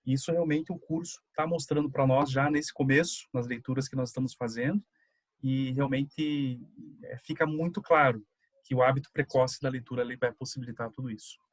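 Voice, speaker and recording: A man's voice: medium pitch, fairly even intonation, fairly quick, dry recording. A Brazilian Portuguese-speaking man giving a student seminar presentation, explaining with everyday examples and frequent tag questions. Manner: conversational, explaining with examples and filler "né".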